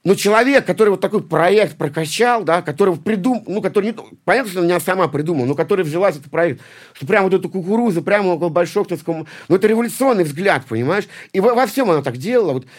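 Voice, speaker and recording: A man's voice: sits high, animated, quick pace. A man in his late forties from St Petersburg, a guest talking casually in a rambling way, swearing a lot and repeating himself. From St Petersburg, Russia. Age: 40s. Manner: rambling, heavy swearing, many restarts and repeated words. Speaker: guest, punk poet and musician. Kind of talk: casual interview talk.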